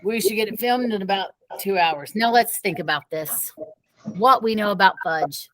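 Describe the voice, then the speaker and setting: Reading a children's novel's dialogue aloud, a woman teacher sits a little away from the microphone. Her mid-range voice is a bit bright and moves at normal speed, with no echo.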